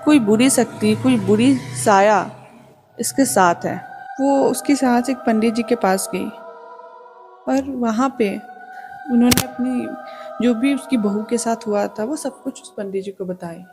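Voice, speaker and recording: A woman's voice: on the high side, unhurried. A woman casually retelling a true horror story as the channel's storyteller. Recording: music playing behind the voice.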